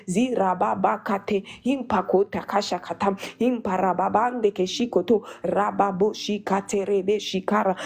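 Creaky-voiced woman praying in rhythmic tongues. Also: medium pitch, darkish tone. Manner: rapid repetitive rhythmic chanting of syllables. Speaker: prayer leader. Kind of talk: solo prayer, praying in tongues with recited scripture.

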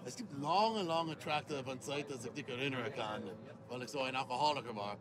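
A man's voice: mid-range voice, normal speed. A man in his forties, a native English speaker with an American accent in German, chatting casually and searching for words. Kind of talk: casual interview in halting German. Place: inside a coach bus. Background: music and vehicle ambience.

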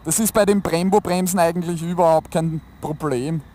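A man's voice: on the high side, steady tone, normal speed. An Austrian man chatting casually and in slang to viewers from inside a motorcycle helmet while riding. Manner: colloquial, slangy. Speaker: motorcycle vlogger. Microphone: helmet-mounted mic. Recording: enclosed helmet sound, road noise. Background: motorcycle and traffic noise.

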